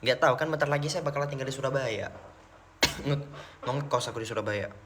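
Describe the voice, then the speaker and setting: A man's voice: medium pitch, a little fast, very noisy. A young man from Mecca chatting casually on a live stream, answering viewers' questions and switching between languages. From Mecca, Saudi Arabia.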